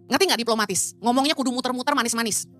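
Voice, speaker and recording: A woman's voice: fairly high pitch, rapid-fire, a bit bright, faint music behind. A middle-aged woman pastor, preaching in a blunt, emphatic way and dropping English phrases into her sermon.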